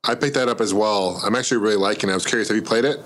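A man's voice: on the low side, racing, a bit bright, a little hiss or hum, rough recording. Rambling man in casual gaming chat. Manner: rambling, hesitant, many fillers. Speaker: podcast co-host.

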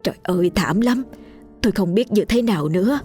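A woman's voice: animated, fairly quick, over music, lightly acted. A woman voicing a frantic middle-aged village wife who stammers through her tears. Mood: stammering. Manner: shrill, stammering.

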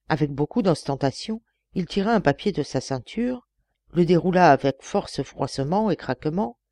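A woman reads a story aloud, giving it an expressive telling. Her voice is warm and mellow. The recording is close and dry. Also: deep voice, no room sound. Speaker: audiobook reader. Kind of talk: audiobook narration.

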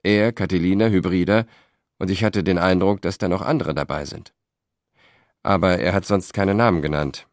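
A man voicing a sly, well-connected Roman gentleman in an audiobook, chatty and confiding. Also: low voice, normal speed, no room sound, studio quality, natural voice.

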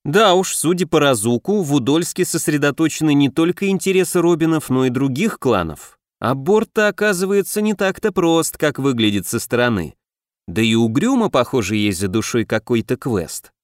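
A man reading a first-person fantasy audiobook in an even, storytelling manner. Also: a little high, moderate pace, no echo, studio quality. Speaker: audiobook narrator.

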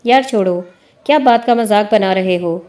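A woman's voice: mid-range voice, darkish tone, close to an everyday voice. A woman reading the lines of a restless, boastful male journalist who grumbles as he talks. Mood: grumbling.

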